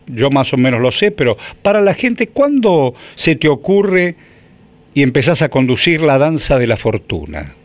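A man's voice: medium pitch, big pitch swings, moderate pace, no room sound. A man in his seventies with an Argentine Spanish accent, interviewing a guest on the radio with effusive, prompting questions. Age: 70s.

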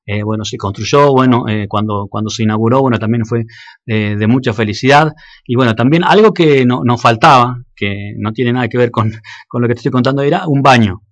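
Fast-talking Argentine man, hesitant. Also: mid-range voice, no echo. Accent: Argentine Spanish. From Argentina, Jacobacci. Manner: hesitant, many fillers and restarts. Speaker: local radio announcer. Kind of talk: casual interview.

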